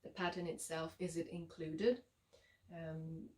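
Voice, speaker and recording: A woman with a French Canadian accent, a yarn dyer giving a relaxed, chatty showcase of her shop's products with frequent ums and uhs. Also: low voice, slow pace. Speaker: yarn dyer and shop owner.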